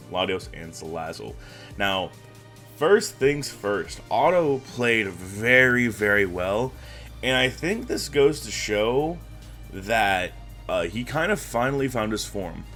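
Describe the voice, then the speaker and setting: A man's voice: medium pitch, fairly bright tone. A man hosting a weekly league recap in a loose, chatty way, with a groggy morning voice and plenty of fillers and restarts. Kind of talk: casual recap commentary.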